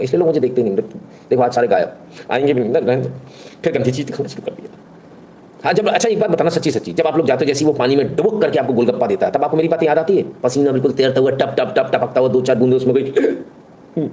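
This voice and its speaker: Sarcastic, mellow-voiced male stream host. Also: medium pitch, a little hiss or hum. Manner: mocking, sarcastic, chatty, addresses viewers directly. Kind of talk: sarcastic live commentary.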